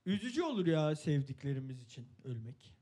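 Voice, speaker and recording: A man with a high-pitched voice leads a casual podcast chat. He jokes around and raises his voice sharply when acting out what he'd say. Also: sing-song, brisk, husky. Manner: joking, loud bursts when quoting himself. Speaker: podcast co-host.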